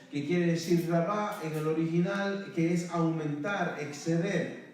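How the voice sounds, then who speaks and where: A male pastor with a high, slightly mellow voice preaches a sermon in a church sanctuary, captured from far off in a very echoey hall. He calls out to the congregation, repeatedly says "hermano," and breaks into praise phrases.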